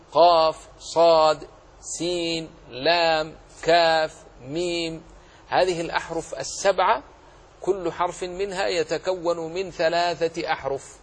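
Speaking in a husky, fairly high-pitched voice, a man teaches Quran recitation in a religious lesson. He stops and starts, lingers in long pauses, repeats words and goes through single letters individually.

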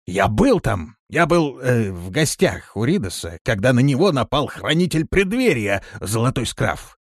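For an audiobook, a man voices a boastful, whining, cowardly male creature, pitching his mid-range voice above its natural level. His delivery is very animated and a little slow, and the recording is dry and studio quality.

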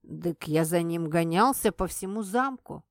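A tipsy little imp, put on by a woman reading the story, cheeky and boastful, hiccuping between words. He drawls slowly, a touch lower and softer than the narrator. The recording is dry and close, with no room sound. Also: animated, dry recording.

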